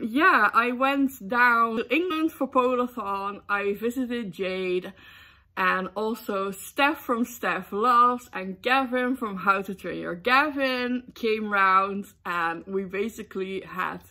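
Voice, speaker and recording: A young woman from the Netherlands telling a casual storytime, excitable and giggly with lots of ums. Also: medium pitch. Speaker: booktube vlogger.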